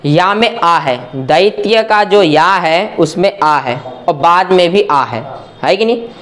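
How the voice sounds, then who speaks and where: A man's voice: sits high, animated, takes it slowly, a bit bright. A man teaching Sanskrit grammar as a lesson, asking questions and answering them himself and checking often that the listener follows. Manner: asks and answers his own questions, checks understanding often. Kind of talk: classroom explanation.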